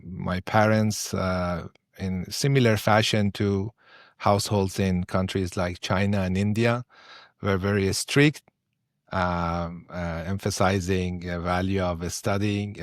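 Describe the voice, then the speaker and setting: A middle-aged man from Iran, a podcast guest, answering questions thoughtfully with many pauses and fillers. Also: low voice, dry recording, studio quality. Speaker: podcast guest, investor and professor. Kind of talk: interview answers.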